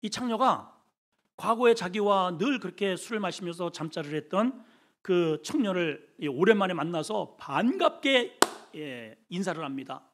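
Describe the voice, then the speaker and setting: A man's voice: high-pitched, lively intonation, normal speed. A middle-aged man preaching a sermon as pastor, acting out voices and dialogue as he tells the story.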